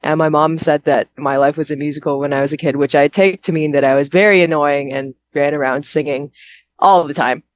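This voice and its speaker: In a low, steady, brisk voice with no echo, a young American singer and musician from Houston, Texas, chats informally during a call-in interview. She's on a bus and pokes fun at herself as she talks.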